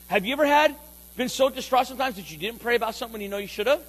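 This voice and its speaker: A male pastor with a very high, husky voice delivers a sermon. He is emphatic, repeats his key lines and keeps calling out for responses from the congregation. A faint mains hum sits under the voice. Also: animated, rapid-fire, fairly bright tone, low-quality recording.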